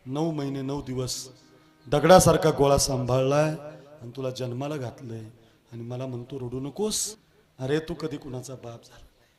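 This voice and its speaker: A man voicing a grieving mother of a condemned son, speaking in a hushed, reproachful way. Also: medium pitch, fairly even intonation, normal speed, over music, natural voice.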